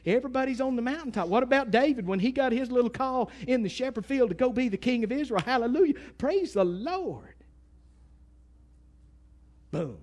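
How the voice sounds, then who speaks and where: A man with an East Texas accent delivers a sermon in a very high voice. He is folksy and emphatic, jumping from loud bursts to quiet asides. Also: lively intonation, moderate pace. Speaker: preacher.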